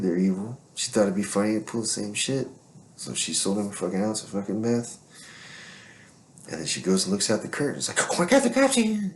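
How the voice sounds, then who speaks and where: A man's voice: deep voice, a little mellow, slight background noise. A man telling stories in a casual monologue, swaggering and profane, rambling with constant fillers.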